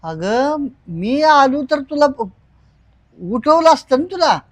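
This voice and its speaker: A woman's voice: high voice, big pitch swings, slow pace, no echo, full character voice. A woman playing a puzzled, dismissive village husband in a comedy skit, brusque yet coaxing, with a rural Marathi accent. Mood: defensive, dismissive.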